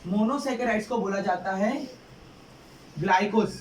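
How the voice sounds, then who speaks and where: High-voiced man quizzing a class. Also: normal speed, slight background noise. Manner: repetitive, quizzing students with questions. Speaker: chemistry teacher. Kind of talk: classroom lecture in Hindi. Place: classroom with students. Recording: echoey classroom, distant mic, student chatter. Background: students.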